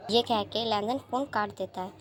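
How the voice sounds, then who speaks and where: A woman reading a fan-fiction story aloud in a steady, plain retelling. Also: medium pitch, moderate pace.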